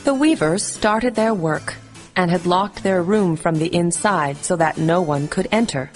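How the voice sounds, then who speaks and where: Female storyteller, slightly low register, expressive bedtime-story narration for children over background music. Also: measured pace.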